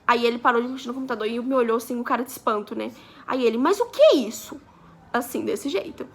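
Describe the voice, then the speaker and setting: A Brazilian woman in her twenties tells a story on her vlog in a chatty way, acting out the quoted dialogue. Her voice is fairly high and a bit bright, with a steady tone and some vocal fry, and she talks at a racing pace.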